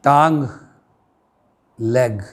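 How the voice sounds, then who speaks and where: Slow, deliberate Indian teacher, man. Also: medium pitch. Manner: slow, deliberate, spells words out letter by letter. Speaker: English teacher. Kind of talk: classroom pronunciation lesson.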